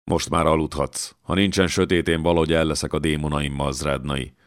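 A man voicing a proud young warrior who speaks gruffly and curtly. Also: rumbling low, level tone, no echo, studio quality.

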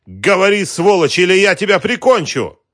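A man reading an audiobook voices a furious, grief-stricken woman who screams and sobs in a shrill, raised voice. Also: very animated, moderate pace, husky, no room sound, studio quality. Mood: furious screaming. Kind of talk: audiobook character voice.

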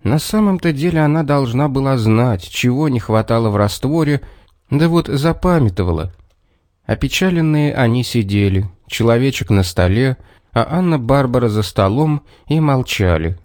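A man narrating a children's storybook in a measured, expressive reading. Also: medium pitch, dry recording, clean studio sound.

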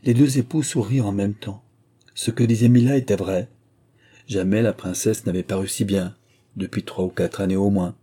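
Dark husky male storyteller. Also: fairly low pitch, steady tone, normal speed. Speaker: audiobook reader. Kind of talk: scripted narration of a novel.

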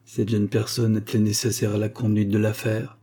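A man's voice: fairly low pitch, level tone, normal speed, mellow. A man voicing a sour, self-righteous elderly spinster who hectors and accuses. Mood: accusing.

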